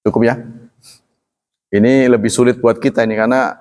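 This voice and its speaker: An older man teaching a recitation class, reading definitions aloud and slowly drawing out example words. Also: medium pitch, fairly even intonation, darkish tone. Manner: slow drawn-out demonstrations of Arabic recitation; reads definitions aloud, then explains casually. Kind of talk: classroom tajwid lesson. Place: mosque or study hall. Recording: reverberant hall.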